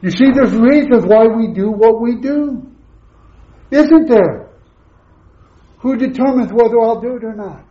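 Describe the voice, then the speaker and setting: High-pitched preacher speaking through a face mask. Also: male voice, a little slow, pauses often. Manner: emphatic, repetitive rhetorical questions and answers. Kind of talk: sermon. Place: echoey room, preaching to a congregation. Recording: roomy echo, slightly muffled sound.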